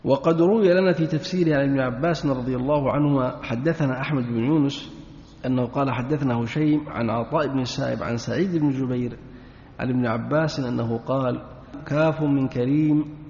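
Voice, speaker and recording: A man gives a religious lesson in a gravelly voice. He reads through chains of narrators briskly, then slows and lifts his voice to stress key points. The recording is dull and lo-fi, with a long hall echo and faint room noise. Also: mid-range voice, darkish tone. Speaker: Islamic teacher. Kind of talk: religious lesson reading and explaining a classical text. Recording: echoey hall, dull lo-fi sound.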